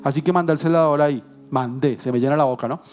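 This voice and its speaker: A middle-aged man, a guest pastor preaching with animated, joking personal stories. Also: on the high side, fast talker, soft background music. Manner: animated, humorous storytelling with self-corrections and jokes. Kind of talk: sermon with personal storytelling. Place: church.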